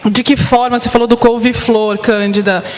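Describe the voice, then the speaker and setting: A woman moderator with a fairly high voice steers the debate, asking probing questions in a loose, chatty way. Her voice rings in an echoey hall with a long reverb. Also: fairly even intonation, normal speed. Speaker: panel moderator. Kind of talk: performed talk show debate.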